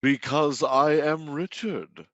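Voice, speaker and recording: An actor playing a gracious king who speaks in a measured, commanding way in a radio play. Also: on the high side, no room sound, highs cut off. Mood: amused. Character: regal, gracious disguised king. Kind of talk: stage radio-play acting.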